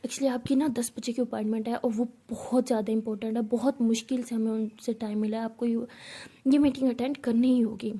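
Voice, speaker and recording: A woman's voice: fairly high pitch, steady tone, a little fast, warm tone, husky. A woman voicing a flustered, apologetic young female secretary in a spoken love story. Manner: pleading, apologetic.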